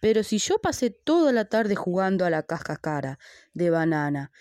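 A woman's voice: fairly low pitch, big pitch swings, moderate pace, darkish tone, dry recording, clean studio sound. A woman voicing a playful male monkey protesting his innocence.

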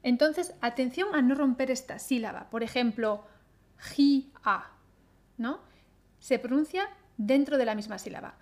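A woman's voice: on the high side, normal speed, a little mellow. A woman teaching pronunciation on a podcast, speaking carefully and repeating each syllable for practice.

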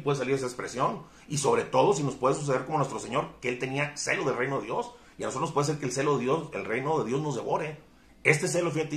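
Fervent preacher in an echoey room. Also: male voice, mid-range voice. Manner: fervent, emphatic preaching with dramatic swings in loudness. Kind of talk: sermon.

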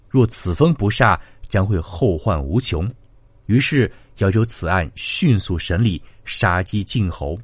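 A man narrating classic ghost tales in a dramatic, expressive storytelling style. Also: no echo. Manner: expressive, swinging pitch for drama.

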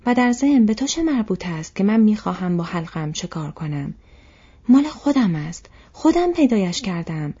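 A woman voicing an old male hobbit, possessive and agitated, who speaks in a shrill, raised, insistent way. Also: creaky, darkish tone, slightly rough. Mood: angry, possessive. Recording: dull lo-fi recording.

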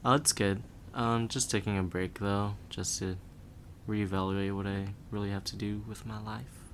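A young man chatting casually as a podcast guest, talking in a relaxed, rambling way with lots of filler words. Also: lowish voice, moderate pace, slight background noise. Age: young adult.

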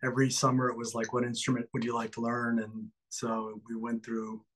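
A man from Ecuador talks easily as an interview guest, at a middle pitch. His speech is friendly and relaxed, and he pauses now and then to find his words. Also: low-quality recording. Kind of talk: casual interview conversation.

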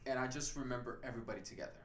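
A man's voice: medium pitch, very fast, fairly bright tone. A man from Puerto Rico talking casually and reflectively, with many fillers and restarts. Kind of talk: casual conversation. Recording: roomy sound with faint ambient noise.

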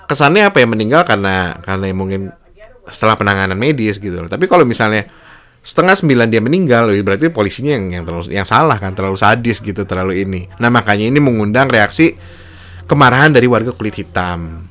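A man's voice: expressive, fast talker, fairly bright tone. A young man, telling a story in a casual monologue and voicing the people in it with a raised voice. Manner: slangy Jakarta-style speech, acts out quotes in a high voice.

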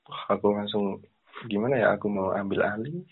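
A man with a low, gravelly, husky voice calls in to tell a story, slipping into the voices of the people in it as he goes. He sounds tinny and thin, as if heard over a phone line. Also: fairly quick. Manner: chatty, acts out the voices of people in his story. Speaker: caller telling a story.

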